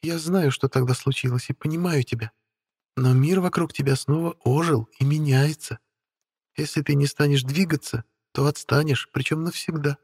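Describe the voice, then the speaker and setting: A man's voice: on the high side, steady tone, moderate pace, a little mellow, breathy edge, dry recording, studio quality, voice pushed up. A man voicing a vain, bossy young witch woman in an audiobook, haughty and imperious, teasing and commanding. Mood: serious. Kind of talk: audiobook character voice.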